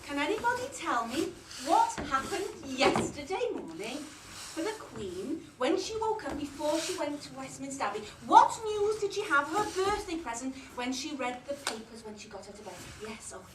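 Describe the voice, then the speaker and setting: An actress with a Welsh accent playing a fussy, doting schoolteacher who gushes in a sing-song way. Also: female voice, high-pitched, sing-song, normal speed. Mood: coaxing. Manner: sing-song, gushing "that's lovely". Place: theatre stage, dress rehearsal. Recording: roomy stage, far from mic, noisy.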